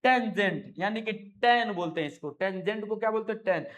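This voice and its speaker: Man teaching maths, high voice, affectionate, asks his students questions and checks they follow. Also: animated, brisk, a bit bright. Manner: affectionate, repeats "है ना" and "ठीक है बाबू"; coaxing call-and-response questions to students. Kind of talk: classroom explanation.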